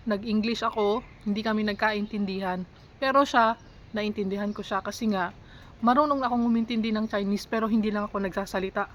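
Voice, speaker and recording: A young woman from the Philippines with a high voice records a confessional vlog about her work as a live-in caregiver. She speaks haltingly, with many pauses, in an emotional way. Faint ambient sound sits behind her voice. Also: a bit bright, slight background noise, low-quality recording. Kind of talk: confessional vlog, mixing Tagalog and English.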